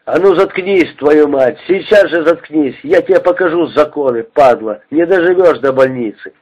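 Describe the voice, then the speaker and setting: A man's voice: a little high, normal speed, darkish tone, husky. A man voicing a stocky, vicious young male guard who snarls threats. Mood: snarling. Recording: dull lo-fi recording.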